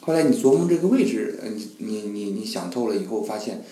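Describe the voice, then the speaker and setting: A male guest in casual conversation, telling stories with lively acted-out dialogue. His voice is mellow and dark, recorded in a room with a noticeable echo. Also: on the low side, fast. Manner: animated storyteller, acts out scenes with voices and sounds.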